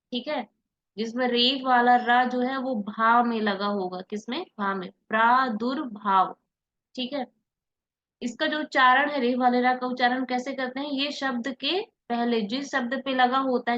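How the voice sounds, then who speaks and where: A woman teaching an exam-prep spelling lesson, asking questions and answering them herself, repeating each word slowly. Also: fairly high pitch, fairly bright tone. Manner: asks and answers her own questions, repeats words slowly. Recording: slightly dull lo-fi audio.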